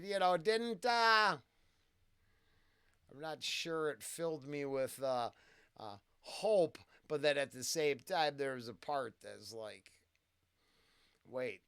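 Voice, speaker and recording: A man's voice: fairly high pitch, a bit bright, clean tone, no room sound, clean studio sound. A man hosting a casual first-listen music reaction, talking in a rambling, tangential way with lots of fillers and restarts.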